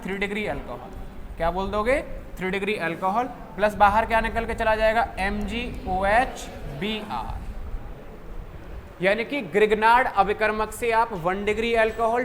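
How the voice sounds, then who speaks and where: A young man teaching a chemistry class who keeps asking questions and answering them himself, dropping low on each answer. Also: a bit bright. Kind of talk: classroom lecture. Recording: faint background noise.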